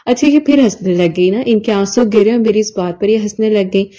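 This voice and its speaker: A woman's voice: medium pitch, dark tone. A woman video creator chatting through a personal story, fondly calling her listeners her dears. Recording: slightly dull lo-fi recording.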